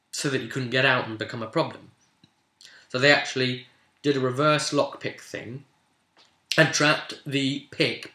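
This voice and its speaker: In a roomy, echoey space, a man with a sharp-toned, mid-range voice casually recaps a tabletop role-play session he ran as game master. He tells it like a story and keeps breaking off into asides.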